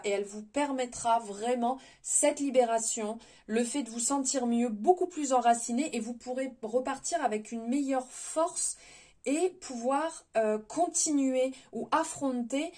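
Woman tarot reader, slightly high voice, gentle advice, frequent hesitations and restarts. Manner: hesitant, many fillers and restarts; gentle, advising. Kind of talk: spontaneous spiritual tarot reading.

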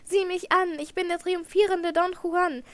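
A woman's voice: high voice, fairly even intonation, moderate pace, natural voice. A woman reading the part of a furious, obsessive disfigured masked man, roaring and mocking with a raised voice. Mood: mocking rage.

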